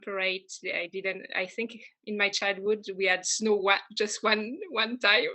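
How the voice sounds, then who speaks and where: A woman in her thirties from France with a French accent, speaking English as an interview guest, often pausing on fillers and restarting her sentences. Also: mid-range voice, fairly even intonation. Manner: hesitant, many fillers and restarts, warm laughs. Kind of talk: casual conversational interview.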